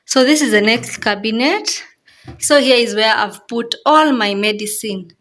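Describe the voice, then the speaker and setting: A woman's voice: fairly high pitch, measured pace, a bit bright. A woman vlogger with a Kenyan accent, casually explaining things step by step and repeating her phrases as she goes. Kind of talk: casual home tour explanation.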